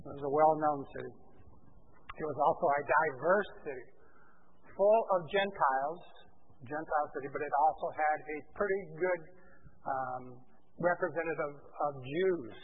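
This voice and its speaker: A man's voice: on the high side, moderate pace. Man teaching a Bible class over a thin, phone-like line. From Brazil. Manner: conversational, questions the class, many fillers. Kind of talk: informal Bible class lecture. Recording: phone-like lo-fi with faint hiss.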